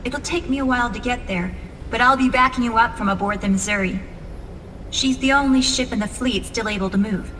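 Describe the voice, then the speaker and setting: An actress playing a steady young female naval radio support officer, briefing calmly. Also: a little high, a little fast, a little hiss or hum, close to an everyday voice. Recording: game audio, long reverb, faint ambience.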